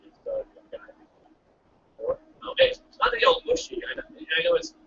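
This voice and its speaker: Over distant, lo-fi call audio with a faint hiss, a male podcast host keeps things laid-back and jokey, swearing casually. His very high voice swings widely in pitch, and he talks at normal speed.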